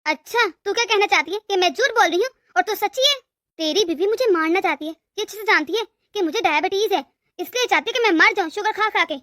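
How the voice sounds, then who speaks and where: Cartoon mother-in-law, a woman voicing her: harsh, bossy, scolding, very high and shrill, dry close sound. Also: quick pace, fairly bright tone, dry recording. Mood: accusing. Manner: scolding, berating. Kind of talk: cartoon story voice acting.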